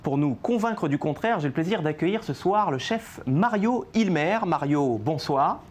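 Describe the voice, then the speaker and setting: A man's voice: fairly high pitch, moderate pace, a little hiss or hum. Upbeat male TV magazine host. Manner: lively, polished presenter delivery. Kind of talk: scripted presenting and live interview.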